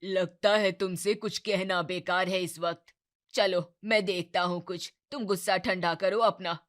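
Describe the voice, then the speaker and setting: A man voicing a calm, middle-aged husband in an animated family drama, speaking in a placating, tired way. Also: high voice, a little slow. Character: calm middle-aged husband, weary of his wife's anger.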